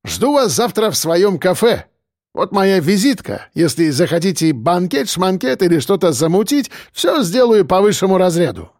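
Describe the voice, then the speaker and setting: A chatty, hospitable cab driver with a light Caucasus accent, as an audiobook reader puts him on. He talks warmly and stays unflappable, his voice lifted up high and swinging lively. The reading sounds close and dry. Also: moderate pace, no echo. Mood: friendly, hospitable. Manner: warm, chatty, unflappable, calls people dear. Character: cheerful hospitable middle-aged male cafe owner driving a cab. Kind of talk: audiobook character voice.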